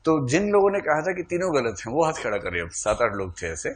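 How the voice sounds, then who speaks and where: A man teaching a classroom lecture, animated, quizzing the class with questions. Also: a little high, fast talker.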